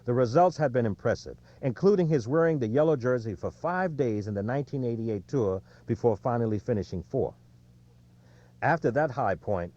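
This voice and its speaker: An audiobook narrator with a warm, mid-range voice reads in a measured, clearly scripted storytelling style. The sound is slightly lo-fi.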